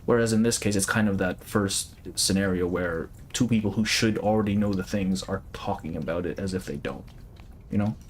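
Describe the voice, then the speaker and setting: A man's voice: low-pitched, moderate pace, slight background noise. A young man casually chatting and laughing through live gameplay commentary. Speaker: streamer.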